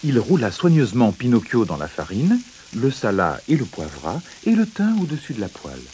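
A man reading a children's fairy tale aloud in an expressive, dramatic way. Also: medium pitch, moderate pace, a little hiss or hum. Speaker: narrator. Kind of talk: storybook narration.

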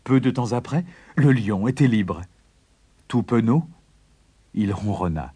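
A man narrating a children's fable in an expressive, animated storytelling manner. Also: on the low side, measured pace, slightly rough, no room sound.

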